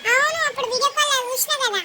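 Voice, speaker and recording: A young girl, chatting excitedly and bossily, whispering secrets as she narrates a family vlog. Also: extremely high pitch, racing. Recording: loud background noise.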